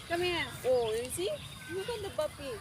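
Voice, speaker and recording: Woman, very high voice, sweet coaxing talk to puppies, outdoor park noise. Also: lively intonation, normal speed. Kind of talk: casual chat with dogs outdoors.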